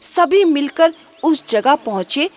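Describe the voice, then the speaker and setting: A woman narrating a children's moral story in a lively, expressive way, asking the listener rhetorical questions. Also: high-pitched, takes it slowly, background noise.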